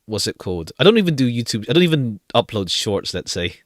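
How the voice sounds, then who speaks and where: Quick and sing-song, a man's medium-pitched voice rambles through casual game commentary on a live stream, hesitating and repeating phrases as he goes. The recording is dry and clean, studio-like, with faint jazzy music from the game.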